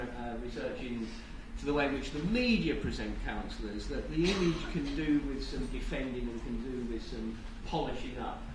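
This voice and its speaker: Male conference speaker, rushed and stammering lightning talk with dry asides; distant mic, clearly noisy room. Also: a little high, heavy reverb. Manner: halting, with stammered word repeats. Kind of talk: live public presentation with wry asides. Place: indoor event room with an audience.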